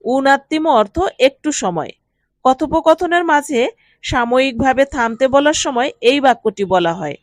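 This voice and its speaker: A woman with a Bengali accent teaching a language lesson, saying each phrase slowly twice and then explaining its meaning. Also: sits high, expressive, no room sound.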